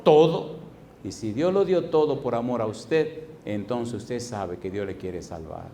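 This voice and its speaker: A man, a pastor with a Puerto Rican Spanish accent, preaching an evangelistic sermon with an altar call, swinging between loud pleading and hushed tones. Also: fairly low pitch, animated, measured pace, a little hiss or hum. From Puerto Rico.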